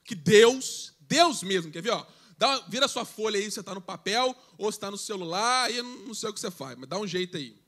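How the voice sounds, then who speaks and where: Speaking to a youth service, this pastor keeps his sermon conversational, reading scripture aloud and trading jokes with the congregation. His high voice is expressive, a bit bright and a little fast.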